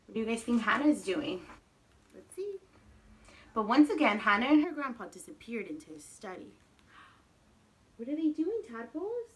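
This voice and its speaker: A teacher reads a picture book aloud to young children in a slightly high, sing-song voice at a moderate pace, with long pauses. She reads expressively and animatedly, speaking to them directly and asking them questions. The audio quality is poor.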